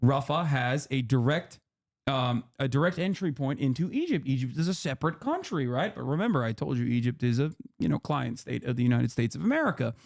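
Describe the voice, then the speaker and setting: A man's voice: medium pitch, animated, brisk, creaky. A man in his thirties hosting a stream, explaining politics to a guest in a heated, profane way and pushing his voice up hard for emphasis. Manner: impassioned, profane, rising to near-shouting emphasis. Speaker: streamer host.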